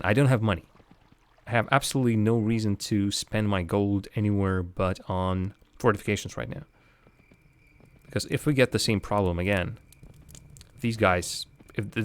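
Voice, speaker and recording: Recorded with no room sound, a young man from Latvia speaks in a fairly low voice as he streams a game. English isn't his first language, and he muses aloud and responds to his chat in a casual way.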